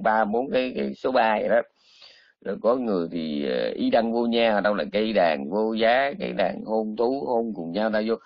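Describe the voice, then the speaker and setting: A man's voice: mid-range voice, dry recording. A male Buddhist monk, giving a chatty, teasing dharma talk full of exclamations. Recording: slightly muffled lo-fi recording.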